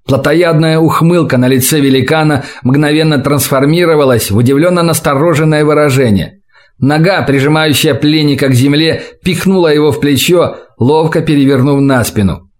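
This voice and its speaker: A man reading a gritty audiobook in steady, measured narration. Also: on the high side. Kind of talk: scripted narration.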